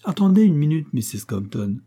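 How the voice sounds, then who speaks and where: A man's voice: fairly high pitch, very animated, normal speed, dark tone, husky, voice pushed up. A man reading aloud, voicing a prim, sly old spinster who refuses to give money.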